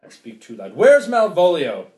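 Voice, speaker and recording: An anxious, lovesick noblewoman, read aloud by a reader in an amateur play reading. Her lines jump into excitable exclamations with a lively pitch, in an echoey room. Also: normal speed.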